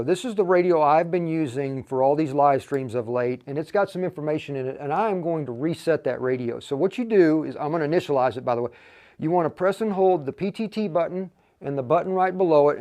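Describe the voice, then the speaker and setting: This man hosts a livestream radio programming tutorial, walking through software steps casually and thinking aloud as he demonstrates. His voice is fairly high, a little mellow, and he talks fast.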